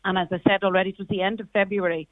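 A woman's voice: medium pitch, fairly even intonation, very fast, dry recording. A middle-aged woman with a Donegal Irish accent, speaking as a radio interview guest and recalling personal experience. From Carrigart, County Donegal, Ireland. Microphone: phone call. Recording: narrow tinny phone line.

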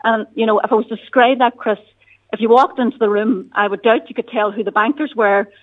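A woman's voice: a little high, fairly even intonation, fairly quick. A woman with a Donegal Irish accent answering as a radio interview guest, often dropping in "you know" and "look". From County Donegal, Ireland. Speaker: bank territory manager, interview guest. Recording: tinny phone-line sound.

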